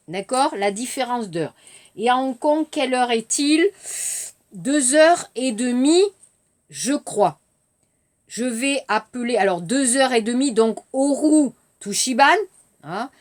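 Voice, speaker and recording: A woman teaching a lesson, speaking slowly and clearly and mixing in Korean glosses. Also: on the high side. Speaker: French teacher. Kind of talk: language lesson.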